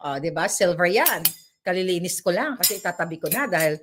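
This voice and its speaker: Animated woman ranting to camera. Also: lowish voice, fairly quick, noisy background. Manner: animated, keeps asking "di ba?", laughs between lines. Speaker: commentary vlogger. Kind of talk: casual ranting commentary, mixing in English.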